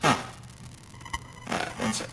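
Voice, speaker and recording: A man on a video call whose voice comes through as glitchy, robotic audio with jumping pitch. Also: unhurried, echoey room, noisy background. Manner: relaxed, rambling, with many fillers. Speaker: interview guest. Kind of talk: casual video call chat. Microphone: computer microphone on a video call.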